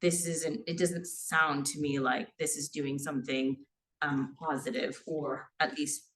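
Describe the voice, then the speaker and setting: Speaking unscripted in a seminar room, a criminal barrister in her 40s, born in Sri Lanka, uses many fillers and restarts. Her voice sits low with little pitch movement and a measured pace, and the mic is distant.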